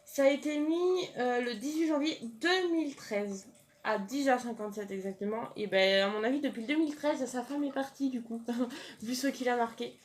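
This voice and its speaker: A woman's voice: a little high, normal speed. A young woman chatting casually through odd online listings, amused and giving chatty asides. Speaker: YouTuber. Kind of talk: casual video commentary.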